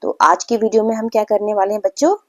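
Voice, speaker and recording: A young woman teaching a grammar lesson to children, patient, repeating words slowly and often checking in with the class. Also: mid-range voice, fairly even intonation. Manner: frequent "theek hai" check-ins.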